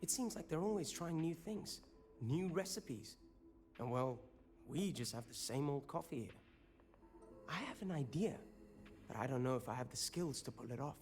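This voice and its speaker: An actor playing an earnest, worried coffee shop owner in a video game who speaks hesitantly. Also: male voice, medium pitch, animated, moderate pace, pauses often, darkish tone, soft background music, close to an everyday voice.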